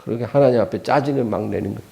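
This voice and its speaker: A male pastor giving a weekday sermon in an animated way, with a gravelly voice. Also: fairly low pitch, very fast. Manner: animated, acts out the scripture quotes.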